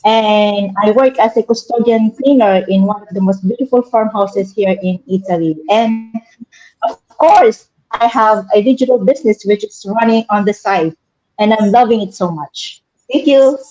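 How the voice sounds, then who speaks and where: Mellow-voiced woman from the Philippines. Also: medium pitch, moderate pace. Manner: eager, enthusiastic. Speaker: panel guest. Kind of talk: casual talk on a video call. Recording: dull lo-fi sound.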